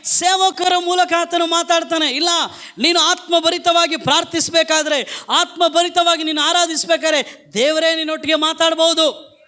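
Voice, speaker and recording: A man preaches a sermon in church, his voice pitched very high and ringing bright. He speaks slowly and deliberately, and he calls the congregation to repeat his words back to him. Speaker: pastor. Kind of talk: Pentecostal-style sermon. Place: church service.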